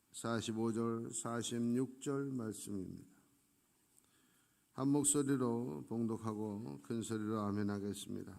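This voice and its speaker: A middle-aged male pastor giving an earnest sermon, slowing down for emphasis between phrases. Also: medium pitch, vocal fry, a little mellow. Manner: earnest preaching with slow, emphatic pauses. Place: church sanctuary. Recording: echoey church hall.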